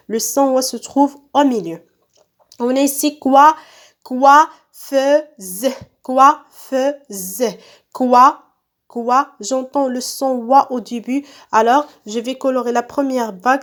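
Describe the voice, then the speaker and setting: A woman's voice: high-pitched, fairly even intonation, moderate pace, a little mellow. A woman teaching young pupils in a recorded lesson, stretching out and repeating each word so children can follow. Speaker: primary school teacher. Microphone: phone.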